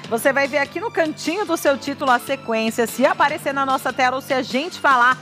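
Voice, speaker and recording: High-voiced Brazilian woman announcing draws. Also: fast talker, bright, forceful tone, faint music behind. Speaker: lottery draw co-host. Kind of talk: live prize-draw announcing.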